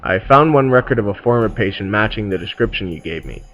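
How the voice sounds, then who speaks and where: A man's voice: lowish voice, animated, quick pace, fairly bright tone, lo-fi sound. A man voicing a dry, teasing friend who works as a records clerk. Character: joking middle-aged male records clerk friend.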